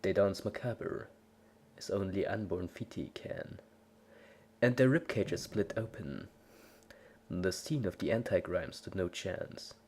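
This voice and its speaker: A husky, low-voiced man reads slowly through a fan fiction story like an amateur performer, with bombastic drama that shifts from whispers to shouts.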